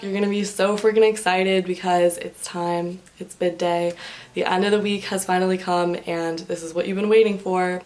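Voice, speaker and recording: A young American woman talking casually to camera like a chatty sorority girl, explaining and advising with lots of "like". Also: lowish voice. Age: young adult, about 19 or 20. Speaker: vlogger giving sorority recruitment advice. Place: indoor room with large windows.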